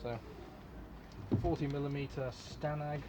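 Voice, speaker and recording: A man's voice: on the high side, fairly even intonation, measured pace, heavy background noise. A man giving a casual, unscripted product review in a rambling, offhand, sweary way. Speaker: collector and reseller reviewing gas masks.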